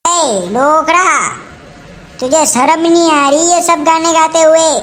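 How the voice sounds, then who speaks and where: Woman doing an angry young bahu in a cartoon, high and scolding. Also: takes it slowly, slight background noise. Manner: scolding, indignant. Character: angry young daughter-in-law, sharp-tongued. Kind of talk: cartoon voice acting.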